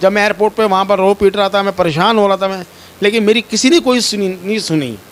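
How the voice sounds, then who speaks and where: Speaking fast in a high, steady voice, a man from Pakistan recounts his ordeal to a reporter. He sounds distressed and pleading and keeps repeating himself as he tells his story.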